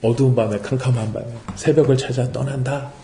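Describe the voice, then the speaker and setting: A man's voice: mid-range voice, fairly even intonation, a little fast, dark tone, reverberant, slight background noise. A man preaching a sermon as pastor, asking rhetorical questions and acting out quotes. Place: worship service room.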